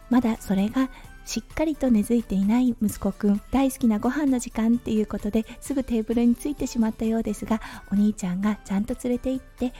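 Husky-voiced woman hosting a chatty podcast. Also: on the high side. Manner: gentle chatty storytelling with soft fillers. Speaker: podcast host. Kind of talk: casual solo talk radio.

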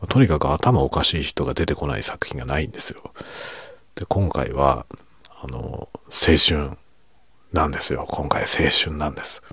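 A middle-aged man in a quiet, rambling, self-deprecating late-night monologue meant for falling asleep, in a hushed voice that often drops toward a whisper. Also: extremely low pitch, a little fast, husky, no room sound, clean studio sound. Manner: self-deprecating, rambling, chuckling under his breath. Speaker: fiction writer chatting to listeners.

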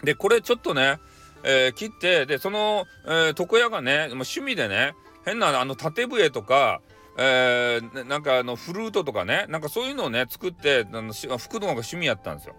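A man's voice: fairly high pitch, sing-song, a little fast, pushed and bright, soft background music. A man with a Hakata accent casually retelling a folk tale for bedtime, playful and rambling. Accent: Hakata dialect. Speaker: storyteller.

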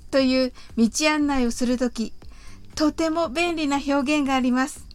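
A woman hosting an English conversation podcast, reading a lesson gently and carefully, drawing out the English examples. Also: sits high.

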